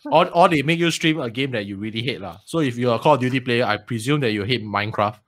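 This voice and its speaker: A man's voice: medium pitch, fast. A Singaporean man bantering casually in colloquial Singlish, ending phrases with particles like lah and ah. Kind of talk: casual joking banter in a group.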